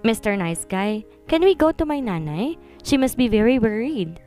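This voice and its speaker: A woman's voice: fairly high pitch, very animated, normal speed, darkish tone, soft background music. A woman voicing a cheerful, polite little boy who talks in a sweet, childlike, pleading way.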